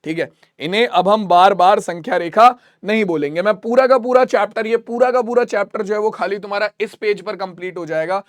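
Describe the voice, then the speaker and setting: A man's voice: sits high, fairly quick, hardly any pauses. A man teaching a math lesson, repeating each point and quizzing his students.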